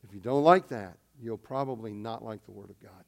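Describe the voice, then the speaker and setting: A man preaching a sermon as pastor, swinging between loud emphasis and quiet asides. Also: fairly low pitch, brisk, vocal fry.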